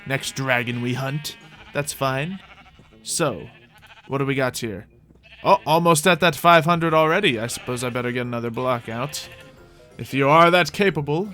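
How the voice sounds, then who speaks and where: With a pushed, bright voice that sits a little high, this man gives loose, rambling live commentary as he streams a game, joking with himself and chatting to the animals on screen.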